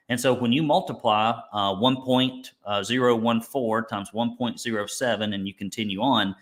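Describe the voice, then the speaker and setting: With a medium-pitched, slightly bright voice, this man from Alabama, United States, coaches business through a webinar. His Alabama Southern accent comes through as he jokes in a folksy, conversational way, using colorful turns of phrase.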